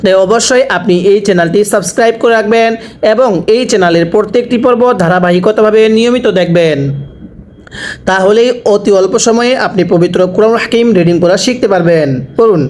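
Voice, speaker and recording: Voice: medium pitch, fast, a little mellow. A Quran reading teacher from Bangladesh leading an online lesson, with patient, repetitive call-and-response drills of syllables. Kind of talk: online recitation lesson with repeat-after-me drills.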